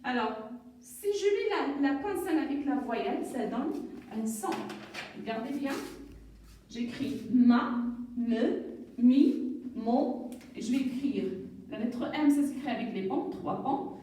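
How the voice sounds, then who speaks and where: A woman teacher giving a beginner reading lesson, sounding out words slowly and clearly, syllable by syllable, heard in an echoey room from afar. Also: a little high, mellow, far from the mic. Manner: slow, clear, syllable-by-syllable explanation.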